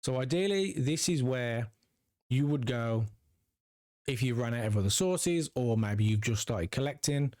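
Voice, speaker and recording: Clean, dry studio sound carries this trading card channel host's expressive, medium-pitched voice, which is darkish and measured in pace. He's casual and upbeat, addressing his viewers directly as he comments.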